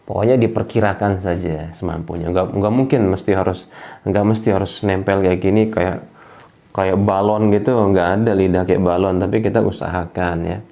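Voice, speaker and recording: Male Quran teacher, low dark gravelly voice, patient and repetitive, demonstrates sounds. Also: fairly even intonation, normal speed. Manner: patient, repeats each point and demonstrates sounds. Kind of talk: explaining articulation to home viewers.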